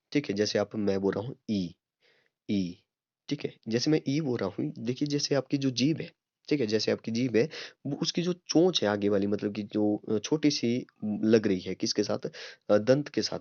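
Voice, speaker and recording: Low-voiced young male teacher explaining patiently. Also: darkish tone, dry recording. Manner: explains step by step, often repeats "ठीक है" and demonstrates sounds. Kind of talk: online Hindi grammar lesson. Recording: dry, slightly dull home recording.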